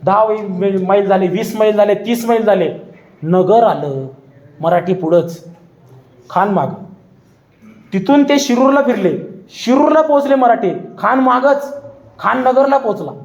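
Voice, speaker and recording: A man's voice: sits high, expressive, a little slow, long pauses, a little mellow. A man giving a storytelling history lecture, dramatic and repetitive, acting out voices. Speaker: public speaker. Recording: echoey hall.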